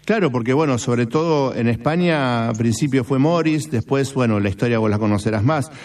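A man's voice: medium pitch, a little fast, a little mellow, recorded from a distance. An Argentine man hosting a radio interview, talking conversationally with hesitant restarts. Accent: Argentine Spanish. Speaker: radio host.

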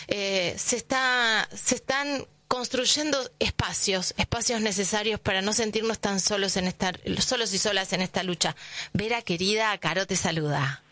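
A woman's voice: mid-range voice, bright, forceful tone, no room sound. A woman with an Argentine Rioplatense accent hosting a conversational radio show, reflective and informal, searching for her words. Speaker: radio host. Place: radio studio.

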